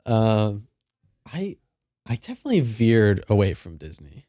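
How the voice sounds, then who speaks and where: Mellow laid-back male podcast host. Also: lowish voice, wildly swooping pitch, measured pace, no room sound, studio quality. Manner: laid-back, says "dude" a lot, swears casually. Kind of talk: casual podcast chat.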